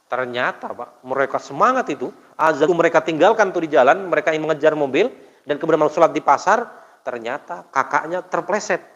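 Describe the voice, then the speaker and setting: Preacher guy telling stories, asks the crowd stuff, kinda high voice, muffled sound with a long hall echo. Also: expressive, fairly quick, fairly bright tone. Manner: storytelling with rhetorical questions to the congregation. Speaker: Islamic preacher. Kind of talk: mosque study sermon. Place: mosque hall. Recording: dull, long hall reverb.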